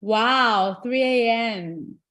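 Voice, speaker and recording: A woman's voice: fairly high pitch, extremely slow, a bit bright. A young woman from Taiwan, moderating an online tech event in an upbeat, chatty way with casual fillers.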